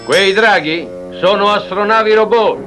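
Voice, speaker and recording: A confident masked space hero in an old dubbed cartoon. His voice is slightly high, steady and dryly witty, with music playing beneath. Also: measured pace. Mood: heroic. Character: masked adult male space superhero, calm and confident. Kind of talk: 1960s cartoon dubbing.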